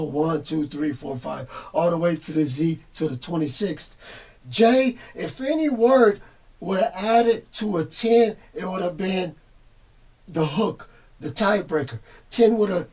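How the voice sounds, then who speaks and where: With a high, slightly mellow voice on a somewhat rough recording, a man rambles earnestly and casually about a numbers theory of his own. Along the way he reads dictionary definitions aloud.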